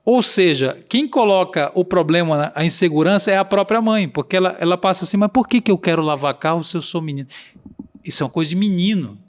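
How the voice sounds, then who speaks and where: A podcast guest with a regional Brazilian Portuguese accent and a high voice talks fast, explaining things earnestly and acting out quoted dialogue.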